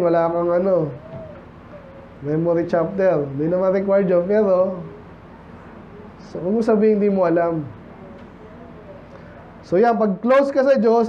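A Filipino-accented man preaches in a relaxed, conversational way, slowing down when he reads scripture. His voice sits high for a man. The church recording sounds dull and lo-fi, with a faint hiss underneath. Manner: conversational preaching, mixing Tagalog and English, quoting scripture slowly. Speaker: pastor. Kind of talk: sermon.

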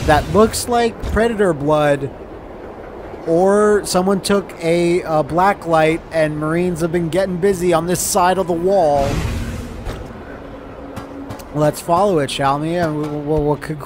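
A young man doing excitable, crude, jokey let's play commentary, breaking into loud bursts. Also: fairly high pitch, unhurried, background noise. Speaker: gaming commentator.

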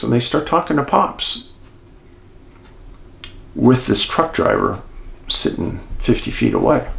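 Guy narrating a missing-person case, low and gravelly, kinda echoey room. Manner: animated, addresses listeners as folks. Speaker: host and storyteller. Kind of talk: true-crime storytelling.

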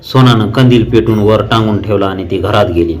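A man reads a novel aloud in a steady, expressive storytelling voice. His register sits low and even, suited to a long audiobook narration. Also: fairly quick.

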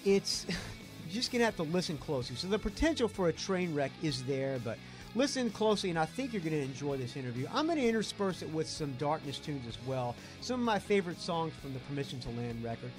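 Man, Southern accent, podcast host, animated pitch, a touch high, rock music under the voice. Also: a little fast. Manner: enthusiastic, rambling. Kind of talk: casual podcast intro and interview.

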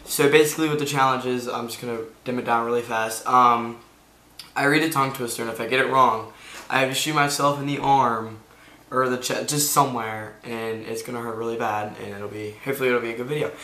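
A young man, around his late teens, hosting a casual home vlog with an informal, halting delivery. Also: mid-range voice, steady tone, bright, forceful tone, slight background noise. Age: teens to young adult. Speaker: video host. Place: indoors in a room at home. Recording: echoey untreated room.

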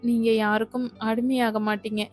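A woman voicing a young teacher wife who scolds her busy husband, read in an even voice. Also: fairly high pitch, moderate pace, dry recording, soft background music, lightly acted. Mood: reproachful. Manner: reproachful, pleading. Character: young wife Mathi, a teacher, hurt and sulky.

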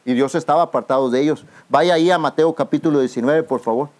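A man's voice: a little high, quick pace. Fervent preacher man calling for responses. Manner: calls out to the congregation for responses; keeps addressing listeners as brother. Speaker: pastor. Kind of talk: youth camp sermon. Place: outdoor youth camp gathering.

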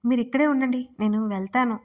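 A woman's voice: fairly high pitch, fairly quick, natural voice. A woman voicing a playful young man who teases his girlfriend, in a read-aloud romance story. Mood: teasing. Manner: teasing, laughing.

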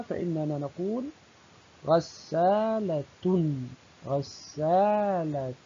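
A primary school teacher giving a recorded lesson, speaking slowly and deliberately and stretching out the example words. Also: medium pitch, mellow, slightly rough. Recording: dull lo-fi recording.

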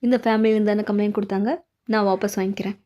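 A woman doing a calm, shrewd old gentleman. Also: mid-range voice, very fast, highs cut off, close to an everyday voice. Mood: composed. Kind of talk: amateur fan dub of an animated story.

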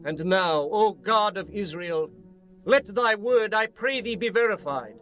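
A man's voice: sits high, expressive, unhurried, fairly bright tone. An actor playing a reverent king in a dramatized scripture reading, solemn and declamatory as he addresses God and his people. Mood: prayerful. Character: King Solomon, reverent male monarch praying and blessing. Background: music.

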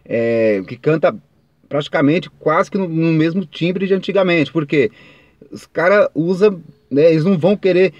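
Brief: mineiro male vocal coach, slightly higher voice, dry close sound, rambling and informal. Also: moderate pace, a little mellow, no echo, lo-fi sound. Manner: chatty, rambling, addresses viewers as a crowd. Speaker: singing teacher. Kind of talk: casual vocal tips talk.

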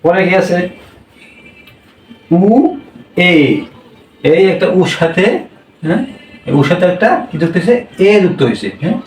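High-voiced man teaching in an echoey room. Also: a little slow, long pauses, far from the mic, faint music behind. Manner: drills sounds with repeated questions. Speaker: Korean language teacher. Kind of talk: classroom lesson.

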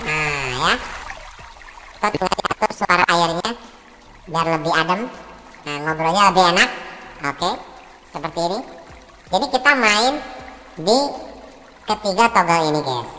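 A small, silly cartoon Minion creature, played by a man through a voice changer. The voice is bright and filtered, soaked in long reverb, with music playing along as it chats through a demo. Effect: voice-changer filter, higher cartoonish voice. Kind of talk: software demonstration chat.

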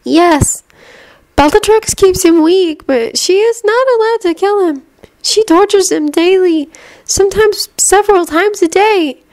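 A woman reading a story aloud and voicing a dreamy, distant young witch girl who speaks softly as if her mind were far away. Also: very high-pitched, measured pace, voice pushed up. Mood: dreamy, matter-of-fact. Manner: soft, dreamy, faraway way of talking.

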